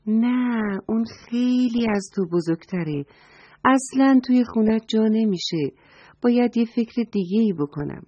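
A woman voicing a small, kind, patient female swallow in a children's story, speaking gently and earnestly. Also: on the high side, animated, no room sound, pitched above the performer's own voice. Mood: gentle. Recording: dull dry recording, soft music.

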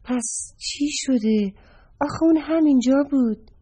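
A woman's voice: dark tone, natural voice. Woman doing a whiny little boy. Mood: sad. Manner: high childlike voice. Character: little boy, sad then cheerful. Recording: dull lo-fi recording.

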